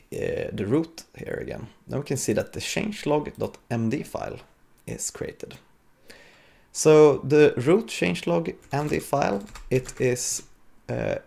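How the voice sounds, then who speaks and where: During a relaxed conference presentation, a software developer live-codes while voicing his thoughts, hesitating at times. His voice is mid-range and slightly rough, with vocal fry and a dark tone.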